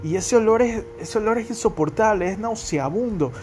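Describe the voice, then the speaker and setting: Guy putting on a snooty posh rich kid, guayaquil accent, high and drawling. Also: normal speed, a little mellow, soft background music, close to an everyday voice. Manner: drawling, says brother a lot. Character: posh rich young man from a gated suburb.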